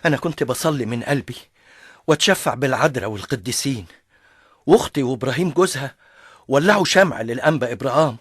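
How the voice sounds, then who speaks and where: A man playing a grateful devout father with an Egyptian accent, speaking in an earnest, rushed way. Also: mid-range voice, expressive, breathy edge, dry recording, studio quality.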